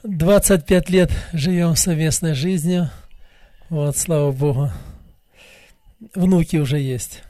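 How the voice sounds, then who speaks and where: Man, presbyter; earnest slow intro, higher mellow voice. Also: no echo, clean studio sound. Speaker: church presbyter. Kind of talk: brief self-introduction at a church gathering.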